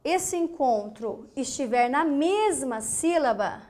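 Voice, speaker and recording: Brazilian woman teacher, high voice, slow and emphatic, repeats key words. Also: expressive, darkish tone. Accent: Brazilian Portuguese. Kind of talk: classroom grammar lesson.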